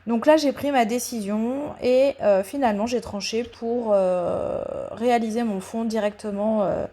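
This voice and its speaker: A woman narrates a paper craft tutorial in voice-over, patiently explaining each step. She's hesitant, pausing often and using many fillers, and her voice is fairly high-pitched with a dark tone.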